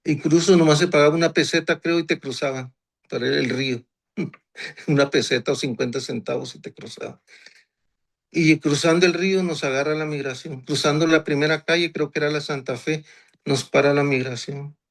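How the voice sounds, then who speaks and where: A man in his sixties from Honduras shares his faith testimony. His voice sits a little high for a man. He speaks earnestly, often restarts, and says key phrases twice. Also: fairly even intonation, normal speed, gravelly. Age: 60s. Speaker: guest giving a church testimony.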